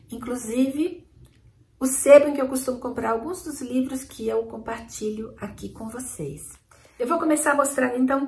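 A woman's voice: on the high side, darkish tone. A woman hosting a casual book vlog, chatting about new books and stumbling over foreign names. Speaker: book channel host.

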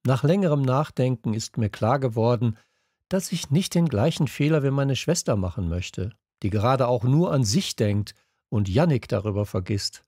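A man reading a children's audiobook, voicing a hesitant grown man who speaks in a measured way. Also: medium pitch, lively intonation, a little mellow, husky, no echo, clean studio sound.

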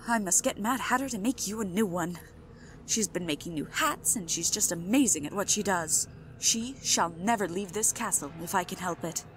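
A woman performs an imperious, possessive queen from a fairytale audio drama. She speaks slowly and deliberately in a medium-pitched, commanding regal voice. Faint ambient noise sits behind her. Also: close to an everyday voice. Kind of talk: audio roleplay drama acting, ASMR.

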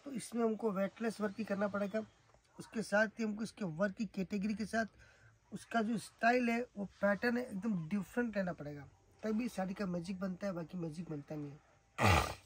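Emphatic saree seller. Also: male voice, sits high, steady tone, moderate pace, breathy edge, poor audio. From Rajasthan, India. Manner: emphatic, repetitive praise of the goods. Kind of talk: sales pitch showing products.

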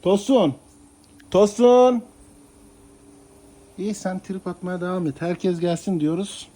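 A man's voice: sits high, level tone, moderate pace, mellow. A man talking casually to his cat and dog, coaxing and pleading with them in a pet-talk way. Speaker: pet owner.

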